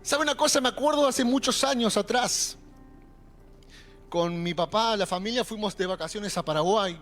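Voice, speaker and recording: A young adult man preaching a sermon in a Rioplatense accent, animated and calling out to the congregation. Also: high-pitched, normal speed. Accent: Rioplatense Spanish. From Argentina. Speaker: pastor. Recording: faint music behind.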